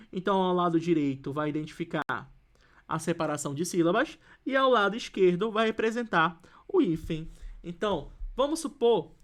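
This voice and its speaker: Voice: medium pitch, fairly bright tone. Patient Brazilian essay-writing teacher. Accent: Brazilian Portuguese. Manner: patient, repeats examples, checks understanding with "né?" and "ok?". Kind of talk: online lesson, explaining while writing.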